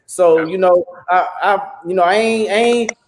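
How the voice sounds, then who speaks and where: A man hosting a casual livestream interview, animated and repeating his words as he hypes the audience. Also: sits high, normal speed, a little hiss or hum. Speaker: host. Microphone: phone.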